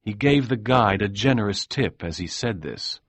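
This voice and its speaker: A man narrating an audiobook in a calm, measured way. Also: lowish voice, dry recording.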